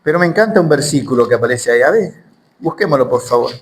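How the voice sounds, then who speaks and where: A man's voice: medium pitch, expressive, quick pace, a little hiss or hum, poor audio. A man teaching the Bible in a sermon, emphatic and full of rhetorical questions.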